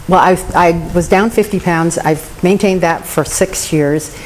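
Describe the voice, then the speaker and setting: In poor audio with slight background noise, a woman with a lowish voice speaks slowly as she shares her own recovery at a meeting. She is earnest and candid, now and then poking fun at herself.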